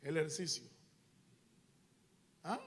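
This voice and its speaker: A man who is a pastor, preaching a sermon in church with rising, shouted intensity. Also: a little high, expressive, slow. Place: church sanctuary.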